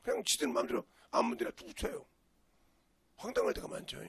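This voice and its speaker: A man's voice: fairly quick, a crowd in the background. An older man with a Jeolla Korean accent, a pastor preaching a folksy, storytelling sermon with sudden emphatic rises. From Jeolla region, Korea.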